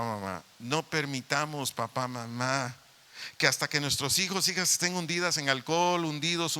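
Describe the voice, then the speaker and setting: A man's voice: mid-range voice, pushed and bright. A man preaching a sermon as pastor, emphatic and repeatedly addressing the parents directly. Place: church meeting hall.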